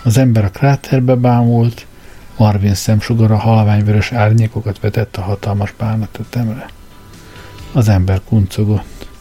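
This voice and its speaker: A man reading a story aloud as narrator, in a measured storytelling manner. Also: on the low side, fairly even intonation, dark tone. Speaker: audiobook narrator. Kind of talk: scripted narration. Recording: faint background music.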